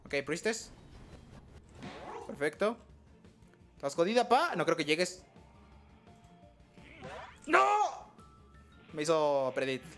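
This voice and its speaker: A young man streams a game and talks over it nonstop, teasing opponents with sudden high yelps. His voice sits a bit high for a man and swings widely up and down. Faint game music plays under him. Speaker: gaming streamer. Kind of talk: live gameplay commentary.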